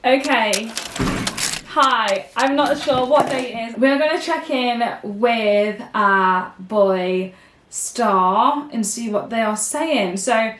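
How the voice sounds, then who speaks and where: A woman's voice: fairly high pitch, slow, fairly bright tone. A woman chatting casually in a vlog, sounding exasperated as she reads out chat messages. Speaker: vlogger.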